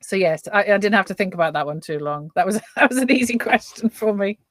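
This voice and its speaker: A woman's voice: medium pitch, animated, fast talker, no echo. Middle-aged English woman, casual and dry-sounding. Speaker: live stream guest host. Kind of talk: casual chat.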